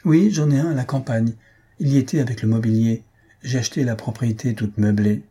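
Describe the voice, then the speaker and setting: A man's voice: medium pitch, fairly quick, warm tone, slightly rough, lightly acted. A man voicing a blunt, eccentric friend who says odd things matter-of-factly. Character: blunt eccentric male friend, dry joker.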